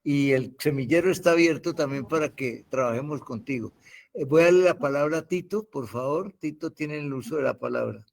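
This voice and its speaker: Male moderator on a video panel, slightly high voice, courteous and halting. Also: vocal fry.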